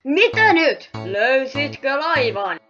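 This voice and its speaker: Lady voicing a nasty pirate captain guy, high and swoopy, barks threats, muffled with music under it. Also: very animated. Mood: angry. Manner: threatening, barking, swearing. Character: menacing male pirate captain, foul-mouthed. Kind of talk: amateur fan dub.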